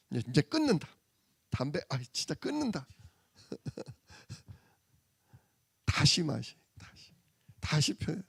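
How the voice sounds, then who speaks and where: Male pastor, high-pitched, dry recording; sermon delivery, rhetorical questions, alternates loud stresses with quiet asides. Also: creaky, dry recording. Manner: rhetorical questions, answering himself; swings from loud emphasis to soft murmur. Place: church.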